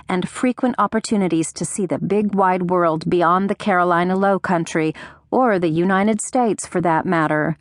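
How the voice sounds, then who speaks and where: A woman reading a novel aloud as an audiobook narrator, in a gentle storytelling manner with wry asides. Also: lowish voice, no room sound, studio quality.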